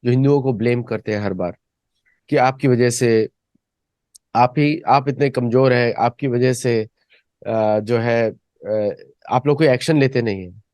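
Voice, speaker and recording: A man hosting a discussion, talking in a measured, hesitant way with fillers. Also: medium pitch, a little mellow, no room sound. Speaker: host.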